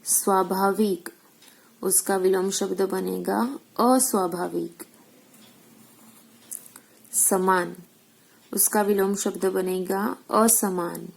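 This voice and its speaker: A woman's voice: mid-range voice, vocal fry, low-quality recording. A woman teacher goes through textbook exercises, asking questions and answering them herself, with English words mixed in. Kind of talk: recorded school lesson, explaining textbook exercises.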